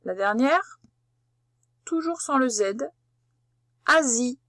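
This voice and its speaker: A woman teacher giving a patient, slow spelling dictation lesson, spelling out letters one by one. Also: on the high side, no echo, clean studio sound.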